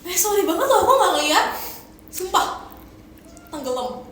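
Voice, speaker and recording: A woman chatting playfully and giggling on a livestream, thanking viewers, her voice booming in strong hall-like echo. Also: big pitch swings, moderate pace, a bit bright. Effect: strong booming echo like a big hall. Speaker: livestream co-host. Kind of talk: casual chat on a livestream. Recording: heavy room echo, faint noise.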